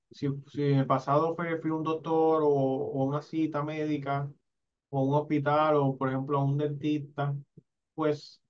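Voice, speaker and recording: A man speaks in a slightly raised register, telling his story haltingly with many restarts and a habitual tag question. The recording is dull and muffled, and he sits a little back from the microphone. It sounds like an interview. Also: fairly high pitch, recorded from a distance. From Puerto Rico. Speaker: interviewee, sign language interpreter.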